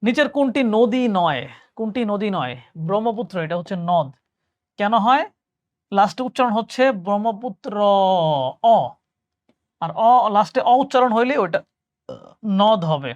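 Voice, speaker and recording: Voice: mid-range voice, animated, moderate pace, long pauses, dry recording. Teacher with a Bangladeshi accent, exam lesson, step-by-step explaining, self-correcting, close mic, dry small room. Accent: Bangladeshi Bengali. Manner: explains step by step, reads questions aloud and answers them; self-correcting, thinks aloud.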